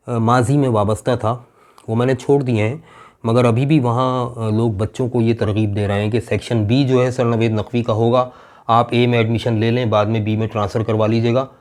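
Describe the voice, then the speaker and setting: A man with a Karachi Urdu accent teaching as an English teacher in a classroom-style lecture, explaining slowly and drawing out recited verse lines. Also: mid-range voice, a little mellow.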